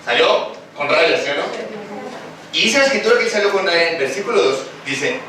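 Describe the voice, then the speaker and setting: Man, sermon, animated, high pitched, echoey noisy room. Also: a little fast. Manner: animated, questions the congregation, acts out scenes. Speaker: preacher. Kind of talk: sermon with call and response. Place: church hall. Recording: echoey church recording from far off, noisy.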